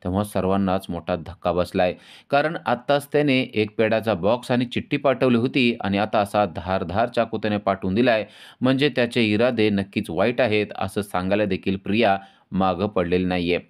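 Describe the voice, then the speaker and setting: A man narrating a recap of a TV serial episode in a steady storytelling manner. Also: lowish voice, brisk, clean tone.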